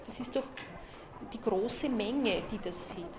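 A woman's voice: fairly high pitch, takes it slowly. Austrian woman teacher in an echoey room. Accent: Austrian German. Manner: patient, asks simple questions and repeats the students' answers. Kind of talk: classroom talk with hard-of-hearing students. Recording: very echoey room with background noise.

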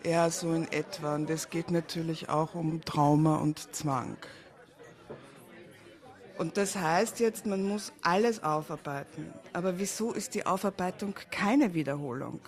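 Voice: medium pitch, unhurried, some chatter behind. A person in their forties giving a wry, self-mocking, reflective radio monologue. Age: 40s. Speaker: narrator.

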